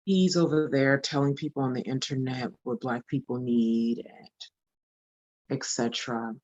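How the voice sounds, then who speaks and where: A woman's voice: a bass voice, fairly even intonation, a little slow, a little mellow, dry recording, lo-fi sound. Earnest woman in her forties, repeating for emphasis. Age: 40s. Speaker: spiritual coach. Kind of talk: motivational talk to camera.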